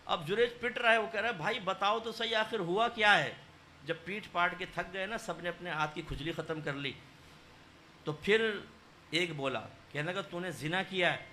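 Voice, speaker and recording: A man's voice: high voice, sharp tone, slight background noise. A man giving a sermon as a religious scholar, telling a story and acting out the quoted voices, with emphatic, rising stresses.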